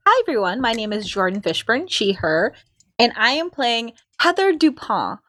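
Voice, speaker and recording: A woman with a fairly high, animated voice jokes at a gaming table. She is teasing and giggly, recorded dry. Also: normal speed, no room sound. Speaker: player in a tabletop game. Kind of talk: casual table talk.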